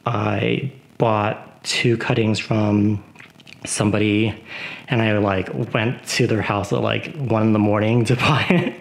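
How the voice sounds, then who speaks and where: A man's voice: lowish voice, creaky, rough recording. A man giving a casual tour of his houseplants at home, rambling with lots of fillers. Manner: relaxed, unhurried. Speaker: plant vlogger.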